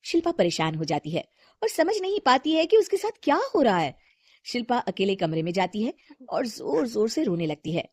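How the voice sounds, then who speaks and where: Soft-voiced woman storyteller, dry sound. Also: a little high, moderate pace, breathy edge, dry recording. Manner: soft, calm narration. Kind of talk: storybook narration.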